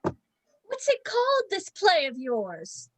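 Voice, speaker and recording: A woman's voice: extremely high pitch, wildly swooping pitch, slow, heavily acted, rough recording. A woman playing a prim, easily shocked villager. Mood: indignant. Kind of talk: amateur play reading. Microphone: video call.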